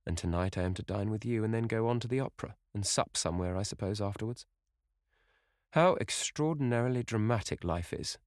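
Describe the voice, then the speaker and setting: An earnest, impulsive young gentleman, as a man reading a book voices him, speaks with open emotion. The voice sits low and is recorded dry and close, with no room sound. It is an audiobook character voice. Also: fairly quick, dry recording, lightly acted. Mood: dazed, musing.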